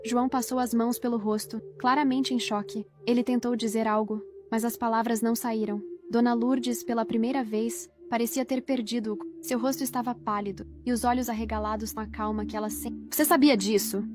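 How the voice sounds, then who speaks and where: Woman, slightly high voice, dramatic narration, faint music behind. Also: fairly quick, hardly any pauses. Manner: steady dramatic reading. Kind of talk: scripted narration.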